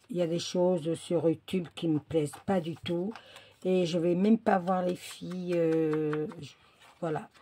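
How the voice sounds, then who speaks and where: Indoors at home, a woman from France makes cards on camera and rambles to herself, full of fillers and false starts, in a relaxed tutorial chat. Her voice is on the low side and warm, with slight background noise, recorded by a phone or camera over her work table.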